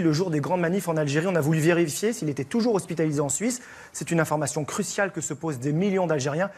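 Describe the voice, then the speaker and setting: A man working as a TV reporter, presenting a lively news report in a conversational way that builds suspense. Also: a little high. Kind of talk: lively spoken report to studio.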